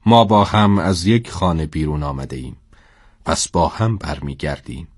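A man voicing a calm, dignified religious leader in an audio storybook, speaking in a quiet, measured way. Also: extremely low pitch, breathy edge, no room sound, studio quality, pitched below the performer's own voice.

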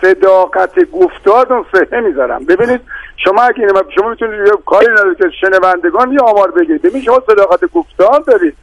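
A man's voice: sits high, lively intonation, no room sound, lo-fi sound. A middle-aged man, a bazaar guild representative, debating politely but insistently as a guest on a radio talk show. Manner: insistent, polite, repeatedly addresses the host.

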